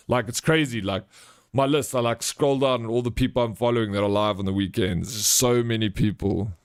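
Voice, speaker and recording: A man's voice: on the low side, no room sound, studio quality. A man with a South African accent hosting a livestream, chatting casually and answering viewers in a chummy, informal way. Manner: chummy, informal, calls viewers bro and friend. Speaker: livestream host.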